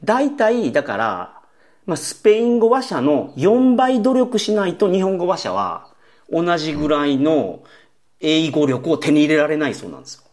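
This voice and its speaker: A man co-hosting a podcast, explaining points in casual chat. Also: normal speed. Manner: explains points, laughs along, lively pitch. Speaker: podcast co-host.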